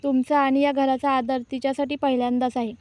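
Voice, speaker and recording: A woman reading a blunt, angry young husband in a serial recap, her voice high and level. He sounds stern and direct, recorded dry and close. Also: little pitch movement, a little fast, darkish tone, no room sound, natural voice. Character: angry young husband defending his wife.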